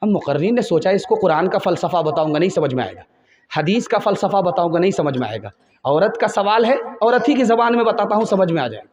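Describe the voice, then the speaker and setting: A man's voice: high voice, animated, a little mellow, echoey room. A male Islamic preacher with an Indian Urdu accent, giving a sermon full of parables and telling his listeners emphatically to listen closely. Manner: emphatic storytelling, urging listeners to pay attention.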